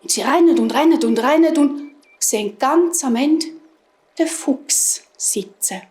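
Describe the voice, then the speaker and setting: A woman with a Swiss German accent telling a fairy tale to children in a gentle, unhurried manner. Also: high voice, expressive. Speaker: storyteller. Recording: roomy echo.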